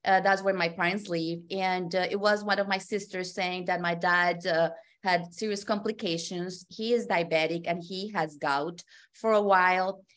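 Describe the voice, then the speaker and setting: A woman's voice: on the low side, fairly even intonation, moderate pace, fairly bright tone. A woman from Colombia, telling an earnest personal story with many fillers and restarts. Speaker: testimonial guest. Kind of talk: personal testimony.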